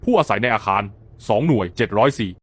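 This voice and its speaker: A calm, cocky young hero from a manga recap speaks slowly and lightly, as a man acts him out. His unhurried teasing lines move up and down in pitch. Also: husky, dry recording.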